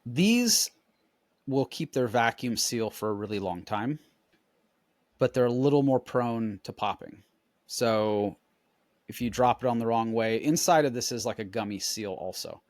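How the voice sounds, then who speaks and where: A man co-hosting a podcast, chatting in a relaxed, explanatory way and demonstrating as he talks. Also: mid-range voice, measured pace, dry recording, clean studio sound. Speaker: podcast co-host. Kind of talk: casual chat.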